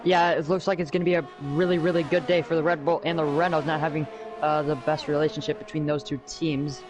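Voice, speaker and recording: A man giving live sim racing commentary as co-commentator, with halting, hesitant phrasing. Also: a little high, little pitch movement, over music. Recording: clearly noisy background.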